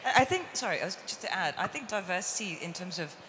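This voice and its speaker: A woman's voice: lowish voice, lively intonation, fast talker. A woman from the UK, speaking earnestly as a conference panelist. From United Kingdom. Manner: earnest, reflective, draws on personal experience. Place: large conference hall stage. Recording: reverberant hall with faint noise.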